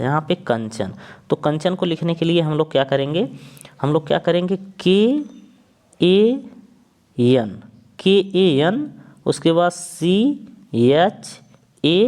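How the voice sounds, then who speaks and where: Man, young adult, teacher, spelling lesson, higher voice, spells letter by letter. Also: a little mellow. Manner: spells out letters one by one, repeats words slowly.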